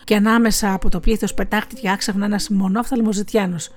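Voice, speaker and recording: A woman narrating a folk tale in a measured, expressive reading voice. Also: mid-range voice. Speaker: storyteller. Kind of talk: storybook narration.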